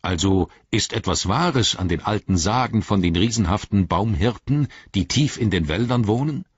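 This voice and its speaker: A man's voice: lowish voice, lively intonation, normal speed, husky, no room sound, dull audio, pitched above the performer's own voice. A man voicing an earnest, questioning male ranger in an audiobook.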